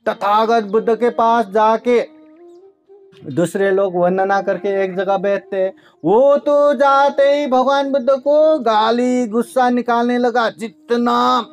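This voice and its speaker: Slow-speaking Buddhist monk telling a sermon tale. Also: male voice, very high voice. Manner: slow, conversational, checks with listeners. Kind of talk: storytelling sermon.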